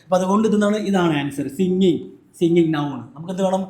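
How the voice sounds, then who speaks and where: A man's voice: high-pitched, fast, mellow, roomy sound. A man teaching an English grammar lesson, asking questions and answering them himself. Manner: asks and answers his own questions, repeats key points.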